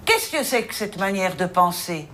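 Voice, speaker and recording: A woman's voice: medium pitch, very animated, normal speed, fairly bright tone. A woman judge sternly questioning a defendant in her office. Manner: stern, pointed, interrogating. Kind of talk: courtroom questioning.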